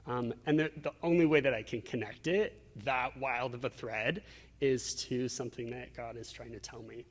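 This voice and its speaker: Heard in a reverberant, hall-like space, a male interviewee talks at a moderate pace and medium pitch. He reflects casually on his own stories, slipping in acted-out asides.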